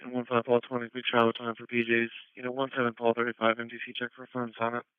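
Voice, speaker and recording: A male police dispatcher reading clipped call signs over a police radio channel in a rapid monotone. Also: mid-range voice, smooth, no echo. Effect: police radio transmission. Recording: tinny dry radio channel.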